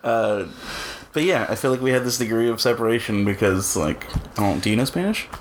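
A young man with a Californian accent, chatting casually on a podcast in halting, slangy, sweary SoCal talk. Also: medium pitch, expressive. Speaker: podcast co-host. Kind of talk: casual chat. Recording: faint background noise.

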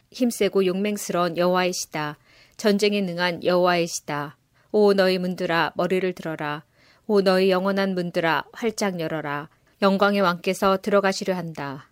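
Lady reading scripture slow and solemn, dead dry room. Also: on the low side, clean tone, dry recording. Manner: measured, solemn reading pace. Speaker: scripture reader.

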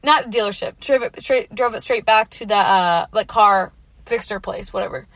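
A young woman in her late teens telling a personal story in a chatty, animated way, full of filler words. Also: medium pitch, normal speed, no room sound. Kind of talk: casual storytime chat.

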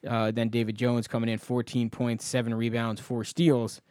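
A man's voice: mid-range voice, level tone, normal speed, darkish tone, smooth, no echo, studio quality. A man hosting a podcast, talking sports in a casual, conversational style. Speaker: podcast host.

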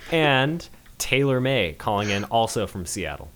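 A man's voice: mid-range voice, big pitch swings, unhurried, fairly bright tone. A man hosting a film review podcast, calling in remotely, talking casually with loose fillers and restarts. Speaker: podcast host. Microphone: remote call-in mic.

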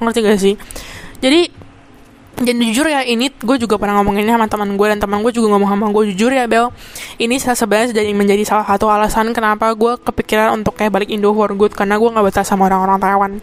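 A woman's voice: mid-range voice, steady tone, quick pace. A young woman, telling a story in a casual, slangy chat and often asking if you get it. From Indonesia. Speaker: podcaster.

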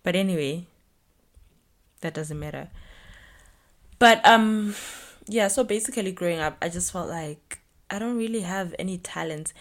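A young woman talks alone into the mic for her podcast, chatty and candid, with fillers and asides along the way. Her voice sits a little low for a woman. She keeps it relaxed and personal. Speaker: podcast host. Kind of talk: casual solo podcast monologue.

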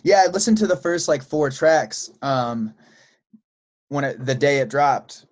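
A man hosting a podcast, talking in a relaxed, loose way with many fillers and restarts. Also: mid-range voice, measured pace, no room sound, studio quality. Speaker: podcast host. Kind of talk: casual podcast chat.

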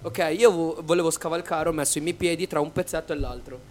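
Brief: young man, podcast co-host, brisk and eager, slightly high voice, faint music behind. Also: steady tone. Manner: quick, slangy, eager, says bro often. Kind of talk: casual chat.

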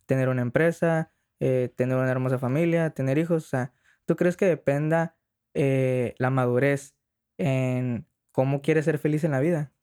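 A man's voice: medium pitch, steady tone, moderate pace, darkish tone, clear, resonant tone. A young man, hosting a casual, slangy conversation as the interviewer.

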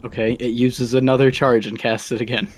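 A man acting as game master in a tabletop game, relaxed and quick to laugh. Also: mid-range voice.

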